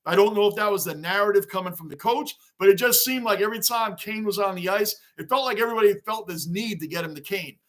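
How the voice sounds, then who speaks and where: A man hosting a casual sports livestream, chatting excitedly and shouting greetings as he reads viewer comments. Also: high voice, fast, few pauses. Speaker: livestream host. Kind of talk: casual livestream chat reading fan comments.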